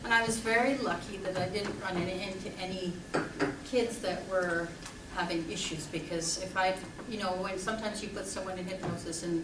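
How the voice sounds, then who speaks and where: A woman's voice: medium pitch, fairly even intonation, brisk. Chatty woman in an echoey hall. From Belgium, raised in Canada. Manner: chatty, laughs easily. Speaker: panelist, hypnotist. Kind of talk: panel talk. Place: conference hall. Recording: echoey hall, distant mic, background noise.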